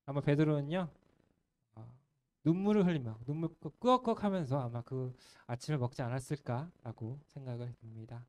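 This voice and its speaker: A male pastor preaching a sermon in an earnest, gentle way, letting the ends of his phrases fall soft. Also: mid-range voice, a little fast. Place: church sanctuary.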